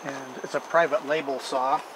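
Older male hobbyist host, folksy and rambling, flat even delivery, recorded outdoors on a distant camera mic with a steady hum behind. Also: medium pitch, moderate pace. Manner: rambling, folksy, restarts sentences often. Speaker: vintage equipment collector and channel host. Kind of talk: casual show-and-tell talk. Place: outdoors in an overgrown backyard. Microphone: camera mic from several feet away.

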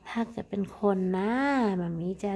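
A woman speaking quietly and gently to her pet cat in soft baby talk. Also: normal speed. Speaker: cat owner vlogger.

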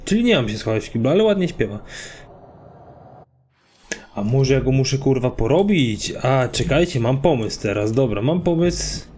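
A man commentating his own gameplay, swearing a lot, excitable and talking to himself and his viewers. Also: mid-range voice, moderate pace, a little hiss or hum. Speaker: let's play gamer.

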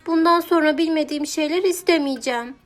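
A woman voicing a vain, stubborn female cow who exclaims loudly and whines in drawn-out words, in a children's audiobook. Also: high-pitched, faint music behind, voice pushed up, natural voice. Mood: plaintive.

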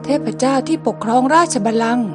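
Middle-aged woman, high voice, plain storytelling read-aloud of an old manga. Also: a little fast, over music. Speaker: manga reader.

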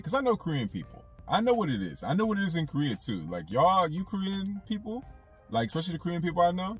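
Sitting in a car, a young man records a casual commentary vlog for YouTube, wandering loosely through his thoughts with plenty of fillers. His mid-range voice has a breathy edge and he's far from the mic.

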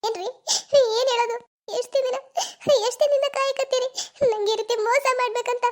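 In a cartoon, a voice actor plays a betrayed young village lover with a North Karnataka Kannada accent, sobbing out accusations and pleas. Her voice is very high, and her tone stays steady at a slightly fast pace.

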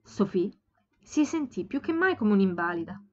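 Woman audiobook narrator, calm and steady, mid pitch, slightly muffled home recording. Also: normal speed. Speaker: amateur audiobook reader.

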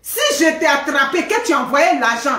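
A woman giving lively, emphatic advice to women, with many rhetorical questions and tag words like "hein". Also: high-pitched, moderate pace, recorded from a distance. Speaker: live video host giving advice to women. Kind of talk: casual animated advice talk to viewers. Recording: echoey room.

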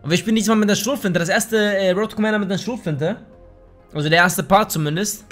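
A young man giving live commentary over his shooter gameplay, excitable and slangy, often swearing in annoyance. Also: high voice, a little fast, soft background music. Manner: slangy, says "Alter" a lot. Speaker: let's play gamer. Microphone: gaming microphone.

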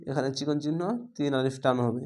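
A man's voice: medium pitch, flat delivery, fast, darkish tone. A man teaching Quran reading, spelling out each syllable letter by letter and drawing out the long vowels in a patient lesson. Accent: Bangladeshi Bengali. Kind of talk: slow spelled-out recitation lesson.

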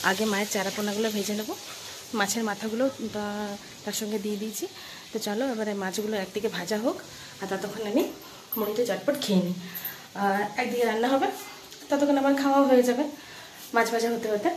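A woman's voice: mid-range voice, steady tone, a little fast, long pauses, background noise. A woman vlogging her daily chores, chatting to viewers step by step as she films on a phone. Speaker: home vlogger and mother. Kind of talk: casual daily-life vlog narration. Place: at home and out shopping.

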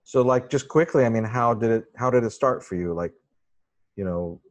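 A man's voice: mid-range voice, normal speed, highs cut off. A man hosting a casual video call chat, effusive and enthusiastic, often searching for words. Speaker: host interviewing a photographer.

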